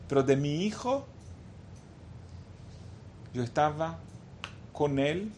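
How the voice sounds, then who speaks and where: A man's voice: a little high, lively intonation, slow, darkish tone, a little hiss or hum. A man doing a grieving older survivor, worn down and bitter, speaking in a heavy, sorrowful way. His pleading rises and falls with sorrow. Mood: somber.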